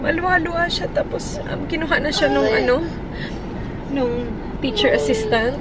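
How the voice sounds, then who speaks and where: High-voiced mom vlogging. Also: female voice, moderate pace. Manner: emotional, chatty, mixes English and Tagalog. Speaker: mother and vlogger. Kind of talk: casual vlog chat. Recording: loud car and street noise.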